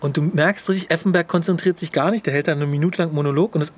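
Animated, slangy young man chatting. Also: on the high side, fast talker. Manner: animated storyteller, slangy, laughs often. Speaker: podcast co-host. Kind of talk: casual chat.

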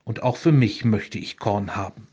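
A man's voice: lowish voice, moderate pace, dark tone, slightly rough, highs cut off, voice pushed down. A man reading the lines of a hungry, anxious young boy in a spoken storybook legend. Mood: earnest.

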